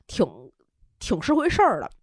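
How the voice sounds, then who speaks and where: Lively high-voiced woman telling a story. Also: normal speed, no room sound, clean studio sound. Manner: animated, laughing storyteller acting out quotes. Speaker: podcast co-host. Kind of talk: casual storytelling chat.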